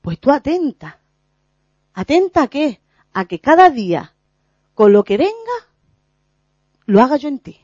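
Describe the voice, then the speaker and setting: An earnest woman with a lively, high-sitting voice shares a spiritual reflection as a lay preacher in an informal religious talk, halting often with many restarts and fillers. The recording is dull and lo-fi, with no echo.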